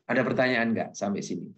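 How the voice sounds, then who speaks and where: A middle-aged male university lecturer giving a relaxed online lecture, telling anecdotes and acting out conversations. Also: mid-range voice, poor audio. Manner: relaxed, tells anecdotes, acts out dialogue.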